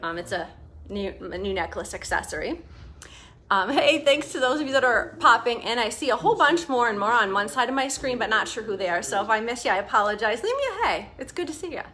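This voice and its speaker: A woman with a fairly high voice chats casually on a livestream, speaking through a mask and face shield. She rambles in a friendly-host format, tossing in jokey asides as she goes. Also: very animated, fairly quick, bright, forceful tone, a little hiss or hum. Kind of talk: casual live video chat.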